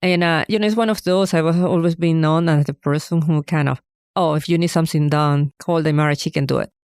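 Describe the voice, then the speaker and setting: A woman's voice: deep voice, fairly even intonation, fairly quick, a little mellow, clean tone, no echo, studio quality. A middle-aged woman from Venezuela, telling her story as an interview guest in an earnest, reflective way. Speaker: guest, bakery owner. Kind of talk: casual interview answers.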